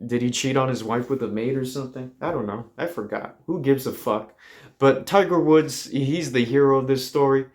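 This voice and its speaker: A man hosting a podcast, telling a rambling comedic monologue in a deadpan way with lots of fillers. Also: mid-range voice, moderate pace. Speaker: podcast host.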